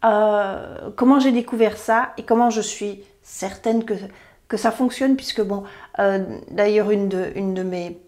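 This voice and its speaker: A woman's voice: mid-range voice, fairly even intonation, unhurried, darkish tone. A woman, a therapy practitioner talking earnestly to camera, rambling and correcting herself as she goes. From Belgium. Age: 50s. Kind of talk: personal talk to camera.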